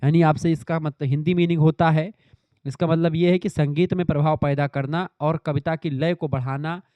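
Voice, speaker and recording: A man's voice: fairly high pitch, steady tone, clear, resonant tone, no room sound. Male teacher, dry lo-fi sound. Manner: reads questions slowly, then explains in quick Hindi; repetitive, addresses students directly. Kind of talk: exam-prep lecture.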